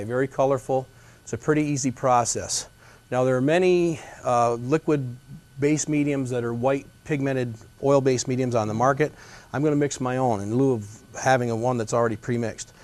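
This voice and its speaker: A man teaching painting in a gentle, easygoing, folksy way, narrating his demonstration as he works. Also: medium pitch. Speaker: painting instructor.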